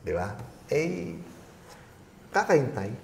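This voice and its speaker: A middle-aged man speaks as an interview guest, his voice gravelly with a rough edge. He tells his story politely and at length, doubling back and restarting his phrases. The room is echoey, and a faint ambience sits behind him. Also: a little high, sing-song, slow pace, a little mellow, slight background noise. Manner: polite, rambling anecdotal telling with restarts. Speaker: guest, agribusiness consultant.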